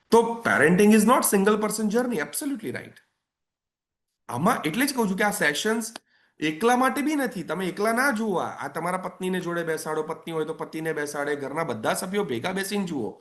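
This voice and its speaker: This is a man running an online parenting session. His voice sits slightly high for a man, and his delivery is chatty and persuasive. He keeps circling back to the same phrases for emphasis. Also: fairly bright tone. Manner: conversational, coaxing, repeats phrases for emphasis. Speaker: parenting coach. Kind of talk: webinar talk.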